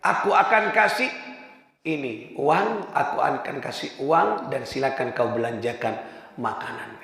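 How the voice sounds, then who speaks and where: A kindly stranger makes a calm, plain offer of money, voiced by a preacher. The words boom through a huge reverberant hall with a long echo. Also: male voice, a little slow, creaky.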